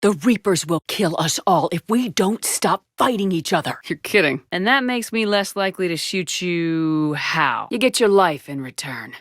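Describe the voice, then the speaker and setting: Commander Shepard, low-voiced, resolute military commander. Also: female voice, lively intonation, normal speed, hardly any pauses, no echo, clean studio sound. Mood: hard, threatening. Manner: firm, commanding, blunt. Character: resolute, tough female military space commander. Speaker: video game voice actor. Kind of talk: cinematic sci-fi game dialogue.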